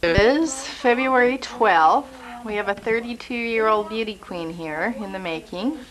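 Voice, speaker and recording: A woman's voice: fairly high pitch, a little slow, poor audio. A mother narrating a home video of her baby in the living room, talking sweetly to the infant while holding a camcorder. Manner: chatty, talks sweetly to the baby. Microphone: handheld camcorder.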